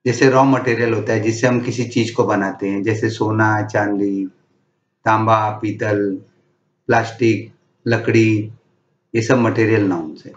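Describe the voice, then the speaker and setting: A man teaching English grammar, reading each rule slowly and then explaining it in Hindi. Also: on the low side, recorded from a distance. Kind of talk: slow, deliberate grammar lesson. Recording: echoey room, dull lo-fi sound.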